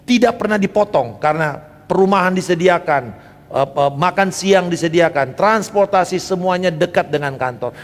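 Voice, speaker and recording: Middle-aged man, pastor preaching, emphatic, high voice, long church-hall reverb. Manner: emphatic preaching, swinging between loud declarations and soft asides; mixes English phrases into his talk. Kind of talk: sermon.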